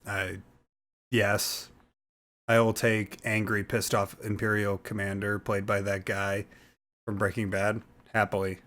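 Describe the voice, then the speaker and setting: A man's voice: lowish voice, little pitch movement, measured pace, fairly bright tone, slight background noise. Rambling young man reacting casually. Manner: rambling, hesitant, many fillers. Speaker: YouTuber reacting to a trailer.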